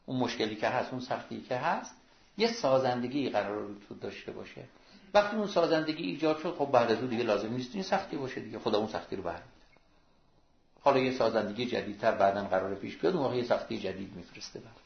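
Male preacher, sermon, emphatic and exhorting, gravelly voice, dull lo-fi sound. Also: medium pitch, animated. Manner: emphatic, exhorting, with sudden rises and hushed drops. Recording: roomy lo-fi recording.

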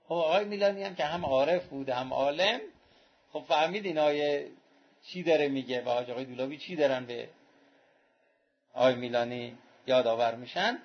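A man's voice: pauses often, slightly rough, lo-fi sound. A man preaching a sermon, telling anecdotes and acting out the people he quotes. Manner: storytelling, acts out quoted speech with raised pitch.

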